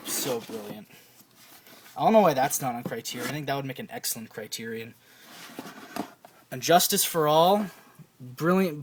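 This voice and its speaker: Young male film buff, casual and profane, excitable delivery, noisy room with clicks. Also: medium pitch. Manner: enthusiastic, swears often, repeats titles. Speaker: film collector reviewing his DVD shelf. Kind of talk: casual profane movie recommendations.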